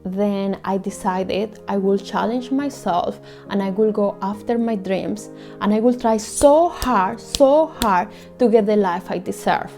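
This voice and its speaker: A young Colombian woman speaks English with a Colombian Spanish accent in a medium-pitched voice with vocal fry, faint music playing behind her. She's a vlogger delivering a personal monologue that is earnest and heartfelt, soft and measured.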